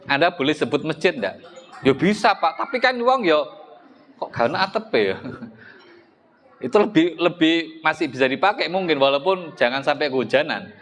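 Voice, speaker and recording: A man's voice: a little high, animated, normal speed, a bit bright. A middle-aged man with an East Javanese accent giving a religious study lecture in a mosque, talking conversationally and asking his listeners rhetorical questions. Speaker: Islamic religious teacher.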